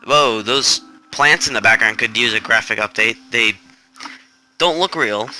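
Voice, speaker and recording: Gaming host, male, mid pitch, flat near-robotic read, stressed, rambles, music under him. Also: unhurried. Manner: flat, robotic-sounding delivery; rambling, self-correcting. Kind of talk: casual gameplay commentary. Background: game music.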